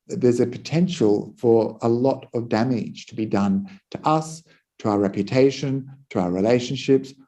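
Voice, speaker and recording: Mellow-voiced Buddhist monk teaching. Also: male voice, medium pitch. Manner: calm storytelling. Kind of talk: dharma talk.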